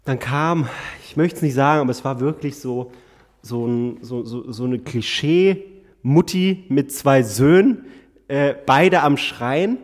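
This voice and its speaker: A man telling a comic anecdote in an animated, exasperated way, breaking into frequent laughter. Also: medium pitch, slow pace, long reverb tail.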